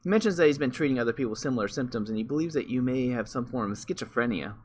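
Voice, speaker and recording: A man's voice: mid-range voice, expressive, rapid-fire, slight background noise. A man reading a text adventure game aloud, breaking off for wry comments and correcting himself as he goes.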